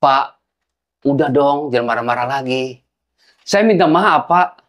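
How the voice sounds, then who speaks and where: Playing a son-in-law begging forgiveness from an angry father-in-law, a young man acts lightly in a low-budget film. His mid-range voice is fairly bright and unhurried, with a pleading tone.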